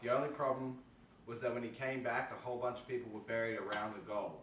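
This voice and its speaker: A man's voice: mid-range voice, fairly even intonation, fast talker, fairly bright tone, recorded from a distance, close to an everyday voice. A man playing a casual, slangy guy telling a spooky tale to friends at an amateur script table read. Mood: storytelling. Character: casual male storyteller spinning a spooky cemetery tale to friends. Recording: roomy, off-mic, faint noise.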